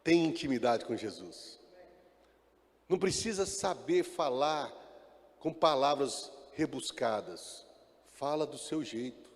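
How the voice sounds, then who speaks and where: A pastor preaching a sermon in church, calling out to the congregation and mixing in joking asides. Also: male voice, mid-range voice, animated, takes it slowly. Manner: calls out to the congregation, often asking "amen?". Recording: echoey church hall reverb.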